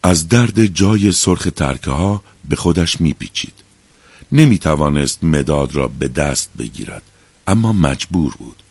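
A man narrating an audiobook in a calm, measured storytelling manner. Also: low-pitched, breathy edge, no room sound.

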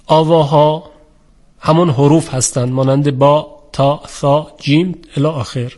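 A man teaching a formal, measured lecture on the articulation of letters for Quran recitation. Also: on the high side, a little mellow. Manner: measured, formal, with polite set phrases. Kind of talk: explanatory lecture on pronunciation.

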